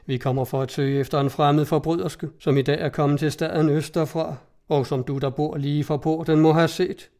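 A man's voice: on the high side, steady tone, hardly any pauses, dark tone, close to an everyday voice. A man voicing a blunt male guard captain who speaks plainly and to the point.

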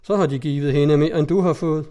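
A man's voice: on the high side, fairly even intonation, dark tone, natural voice. A man voicing a proud male judge who speaks curtly and haughtily. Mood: haughty.

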